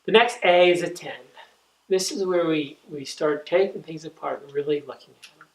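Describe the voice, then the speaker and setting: A camp counselor trainer giving a conversational training talk, acting out inner thoughts as quoted asides. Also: medium pitch. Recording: echoey room, voice from a distance.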